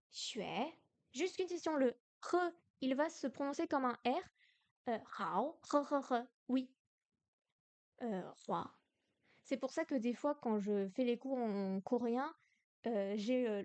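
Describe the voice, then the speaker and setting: A woman's voice: fairly high pitch, darkish tone. A young woman from France in a casual livestream study session, repeating syllables aloud and exaggerating the tones. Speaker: streamer learning Chinese.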